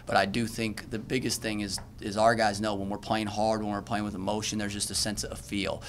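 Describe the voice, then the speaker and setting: Man, 30s, coach at a podium mic. Low-pitched, earnest, trips over and restarts lines, faint hiss behind. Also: flat delivery, brisk, vocal fry. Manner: earnest, self-correcting, many restarts. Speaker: basketball coach. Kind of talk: postgame press conference answers. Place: press room at a podium.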